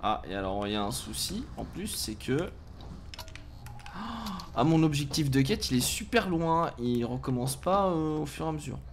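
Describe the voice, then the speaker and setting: A man streaming live as he plays a game, reacting out loud, often swearing and groaning in frustration. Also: fairly high pitch, expressive, normal speed, slight background noise.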